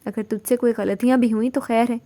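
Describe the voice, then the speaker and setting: A woman reading the part of an elderly mother-in-law, speaking in a gentle, coaxing way. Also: fairly high pitch, steady tone, close to an everyday voice. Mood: pleading.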